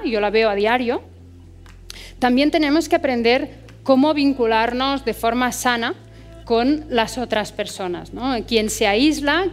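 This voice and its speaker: Una mujer psicóloga con acento de España que da una charla motivacional con tono serio y preguntas retóricas. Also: female voice, a little high. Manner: earnest, rhetorical questions. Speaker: psychologist giving a talk. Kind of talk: motivational talk.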